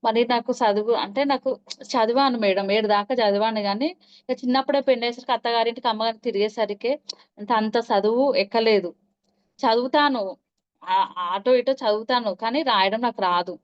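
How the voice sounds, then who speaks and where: A woman with a fairly high, smooth, clear voice tells her personal spiritual stories with many restarts and acted-out quotes. The recording sounds dull and lo-fi. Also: fairly quick. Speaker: meditation practitioner interviewed. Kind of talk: recounting personal spiritual experiences.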